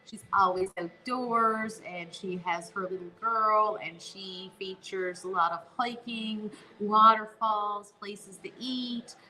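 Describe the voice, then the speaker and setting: A woman's voice: mid-range voice, steady tone, takes it slowly, few pauses, sharp tone, soft background music, rough recording. A woman from Newfoundland with a Newfoundland accent, chatting casually and enthusiastically as a guest co-host. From Newfoundland, Canada. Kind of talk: casual chat.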